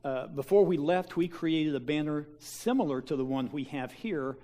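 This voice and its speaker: Standing in the sanctuary, a Kansas pastor walks his congregation through mission-trip slides in a folksy way, stumbling over restarts and fillers. His voice sits on the high side yet sounds dark, and he talks at normal speed.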